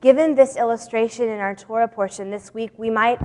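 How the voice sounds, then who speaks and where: A woman rabbi gives a measured, deliberate sermon in a fairly high voice. Her words ring out with the long reverb of a large sanctuary. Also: steady tone, darkish tone. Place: synagogue sanctuary.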